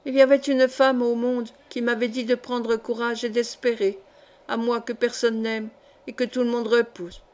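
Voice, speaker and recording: A woman's voice: on the high side, little pitch movement, normal speed, darkish tone, natural voice. A woman voicing a timid, mistreated young foundling servant girl who speaks in a pleading, tearful way.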